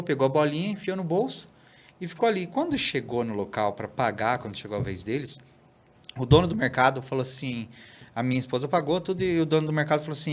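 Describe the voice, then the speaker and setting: Fast-talking man telling stories. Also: a little high. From Brazil. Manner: animated, tags sentences with "né?" and "cara". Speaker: pastor, podcast guest. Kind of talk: casual storytelling in a podcast interview.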